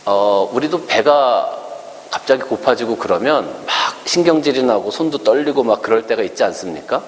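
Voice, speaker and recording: A man's voice: medium pitch, animated, normal speed. Man preaching in a reverberant church. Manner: conversational, asks the congregation rhetorical questions; acts out quoted speech in a raised voice. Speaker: pastor. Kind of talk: sermon. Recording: long hall reverb with faint hiss.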